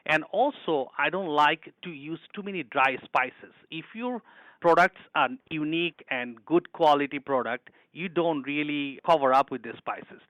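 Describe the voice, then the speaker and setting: A man's voice: on the high side, measured pace, fairly bright tone, no room sound, poor audio. A middle-aged man from Bangladesh, an executive chef answering interview questions earnestly, with frequent restarts and broken grammar.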